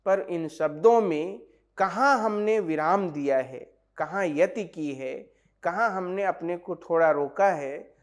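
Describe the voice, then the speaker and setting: A man giving a measured academic lecture on poetics, explaining point by point with examples. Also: fairly high pitch.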